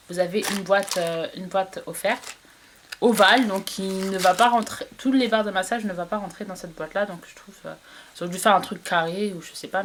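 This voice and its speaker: A woman talks casually to her camera at home, reviewing beauty products in a chatty, meandering way. Her voice sits at an ordinary middle pitch. She hesitates a lot, with fillers and restarts, and a faint hiss sits behind her. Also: fairly bright tone. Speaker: beauty vlogger.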